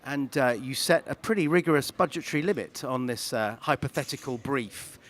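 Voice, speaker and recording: A man's voice: mid-range voice, brisk, fairly bright tone. A man hosting a panel interview at a media festival, talking casually with frequent "uh" and "um" fillers and restarts. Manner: hesitant, many fillers and restarts. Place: festival venue.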